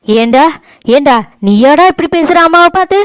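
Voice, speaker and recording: Woman doing a bossy cartoon mother-in-law, tirunelveli tamil accent, kinda high voice, always scolding. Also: animated, normal speed, no room sound. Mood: indignant. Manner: scolding, accusing, self-pitying. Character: domineering older mother-in-law, quick to scold. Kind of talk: cartoon voice acting.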